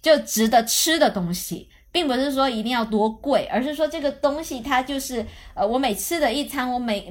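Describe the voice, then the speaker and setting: A young adult woman co-hosting a podcast, telling a story in casual chat, animated and laughing often. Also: a little high. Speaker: podcast co-host.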